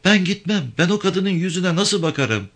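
A man's voice: high-pitched, animated, normal speed, pitched above the performer's own voice. A man reading aloud voices a distraught, guilt-ridden young woman who pleads while crying, in a raised, tearful voice. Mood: tearful pleading.

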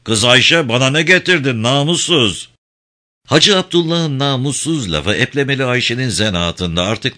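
A man narrating a novel in a measured, expressive reading. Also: medium pitch.

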